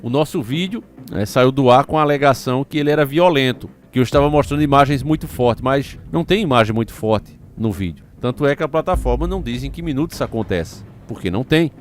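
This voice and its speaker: Speaking fast with few pauses, a medium-pitched male host reads news excerpts aloud and answers them with rhetorical questions in opinionated commentary. He addresses his audience as "meus irmãos," over a little hiss or hum.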